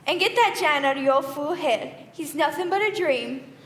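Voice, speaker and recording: A woman's voice: high-pitched, normal speed, close to an everyday voice. A young woman playing a stern rural mother in a school stage play, scolding in a folksy put-on mountain drawl. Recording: echoey hall, faint noise.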